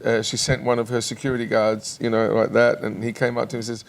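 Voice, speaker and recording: A man talks as a guest on a TV studio couch. His voice has a gravelly, creaky edge. He tells his stories in a chatty, halting way, often restarting his sentences. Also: mid-range voice, flat delivery. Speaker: singer and actor guest. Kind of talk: casual interview chat. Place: television studio.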